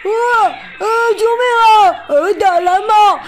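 A woman's voice: on the high side, big pitch swings, slow, heavy background noise. A woman voicing a chubby, timid chick in a storybook who drawls and hesitates. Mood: panicked.

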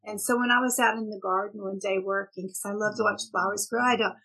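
Talking fast with a sharp, steady medium-pitched voice, a middle-aged woman from Oklahoma who grew up in Texas chats as a guest author in a casual interview. She is chatty and laughs a lot, and her Texan accent is lightly refined by British stage work; the recording quality is low.

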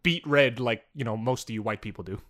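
A man's voice: mid-range voice, brisk, a bit bright. A young man co-hosting a podcast, rambling and teasing with lots of fillers in crude casual banter. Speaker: podcast co-host.

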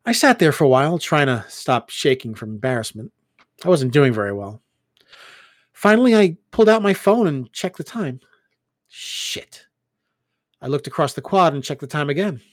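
A man reading first-person fiction aloud, with expressive storytelling as an audiobook reader. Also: fairly high pitch, a little fast, no echo, clean studio sound.

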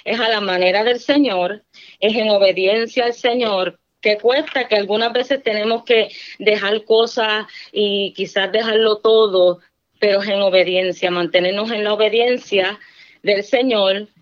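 A middle-aged woman speaks with fervent conviction as she gives a church testimony. Her voice sits at an ordinary pitch, and she keeps turning to her listeners as she talks. The recording sounds dull and lo-fi. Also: steady tone, a little slow. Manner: earnest, fervent, often adding "¿verdad?".

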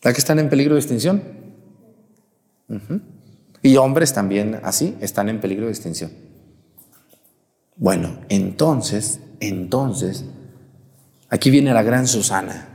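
A male priest, preaching during mass in a lively, teasing way and putting questions to the congregation. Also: fairly low pitch, measured pace, gravelly, long pauses, big-room sound. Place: church.

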